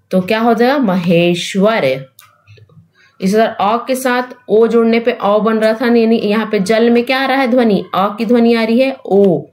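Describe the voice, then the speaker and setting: A woman's voice: a little high, darkish tone. A woman teaching Hindi grammar for exam preparation, repeating the rules and asking questions back to her students, mixing English terms into her explanation. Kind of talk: exam-prep grammar lesson.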